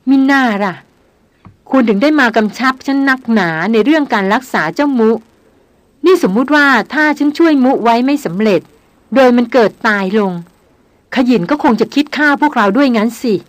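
A woman's voice: sits high, normal speed, no echo, natural voice. A woman reading the lines of a young woman doctor who snaps back sharply. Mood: puzzled.

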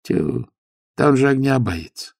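A sly, eccentric old-school stoker monk with a dry, gravelly edge, as a male storyteller puts him on. He feigns innocence, pitching up into squeaky, wry exclamations. The storybook reading is dry and close. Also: expressive, takes it slowly, darkish tone, no echo, exaggerated voice.

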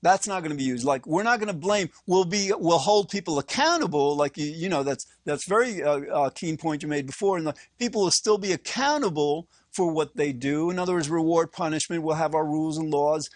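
A man's voice: a little high, fairly quick, hardly any pauses, dry recording. A man co-hosting a casual discussion show, talking earnestly and rambling, with many restarts and fillers. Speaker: co-host.

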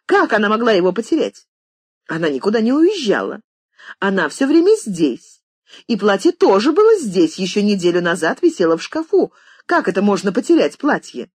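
The reader voicing an agitated wealthy lady who scolds her maid, speaking in a higher, shrill and indignant way. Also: big pitch swings, normal speed, darkish tone, slightly rough, no echo. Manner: flustered, then shrill and indignant.

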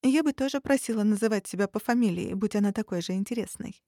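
A woman's voice: mid-range voice, quick pace, mellow, dry recording, studio quality, lightly acted. A woman voicing a friendly, chatty young woman hunter in an audiobook.

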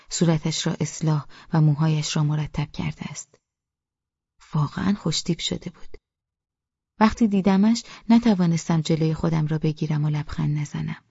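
A woman's voice: low voice, gravelly, dark tone, slightly rough, dry recording, lo-fi sound. A woman narrating a first-person audiobook with a wry, self-deprecating storytelling manner.

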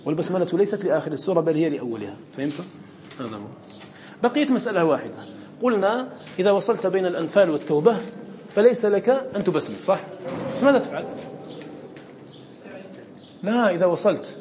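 A man's voice: high-pitched, a little mellow. A man teaching a Quran recitation class, asking his students questions and answering them himself. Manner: quotes lines of verse in a raised voice. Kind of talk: classroom lesson explaining a verse text. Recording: faint background noise.

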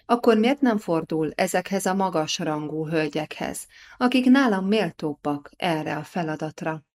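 A woman's voice: fairly low pitch, lively intonation, darkish tone. A woman reading an audiobook, voicing a proud, defiant young noblewoman and mother. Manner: defiant, pleading.

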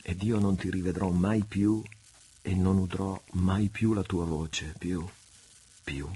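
A man's voice: sits low, fairly even intonation, takes it slowly, warm tone, slightly rough, full character voice. A man voicing a passionate, tormented male pirate chief in an audiobook, with fervent, desperate outbursts. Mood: anguished.

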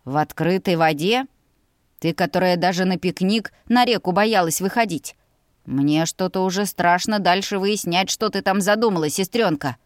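Female narrator doing the brother: young man, mocking, lowered voice, drawn-out lines. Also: no room sound, clean studio sound, natural voice. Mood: teasing. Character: teasing young adult brother, sharp and wry. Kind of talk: audiobook character voice.

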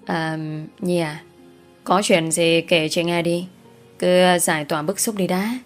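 A flustered female secretary coaxes and soothes slowly, hesitating between her words, in a storybook romance, as a woman narrator plays her. She sounds eager to calm everyone down. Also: lowish voice, soft background music, close to an everyday voice. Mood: soothing.

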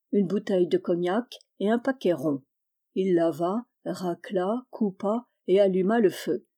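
A woman narrating a novel in an audiobook reading. Her storytelling is steady and measured, at a middle pitch with a mellow, warm tone. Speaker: audiobook reader.

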